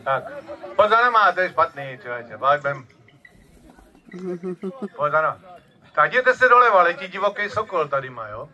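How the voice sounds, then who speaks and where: A man's voice: on the high side, pauses often, lo-fi sound. A man presenting a live outdoor falconry show, talking to the crowd with lots of tag questions. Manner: lively, addresses crowd, frequent tag questions. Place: outdoor field at a bird show.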